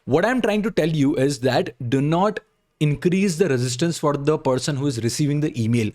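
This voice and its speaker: A man's voice: on the high side, normal speed, a little mellow. A man with an Indian accent giving a blunt, instructive critique to camera, often checking in with short tag questions. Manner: blunt, instructive, repeats points with frequent "okay?" tags. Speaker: video creator reviewing job application emails.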